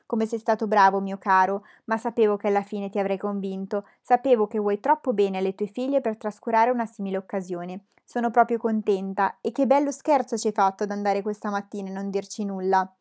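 A woman's voice: medium pitch, brisk, hardly any pauses, a little mellow, lightly acted. A woman reading a fussy, nervous mother. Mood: gushing. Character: fussy, nervous, excitable middle-aged mother.

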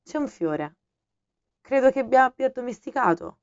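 Una donna che dà voce a un ragazzino principe, curioso e gentile, che fa domande con tono educato, in un audiolibro. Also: female voice, high voice, expressive, moderate pace, dull audio, pitched above the performer's own voice. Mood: curious. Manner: inquisitive, gently polite. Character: curious polite young boy prince.

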